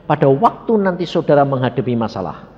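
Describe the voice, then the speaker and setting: A man's voice: medium pitch, fairly quick, muffled recording. A male pastor, preaching a sermon and putting rhetorical questions to the congregation in a large church hall. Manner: animated, rising to emphatic peaks, rhetorical questions to the congregation.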